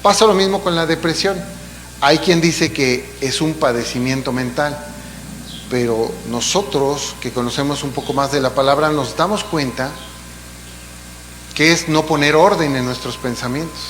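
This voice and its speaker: A preacher in a church hall talks through his sermon in a conversational style, using asides and rhetorical questions. His voice is a little high and a bit bright, at a moderate pace, with long reverb and a faint hum in the background.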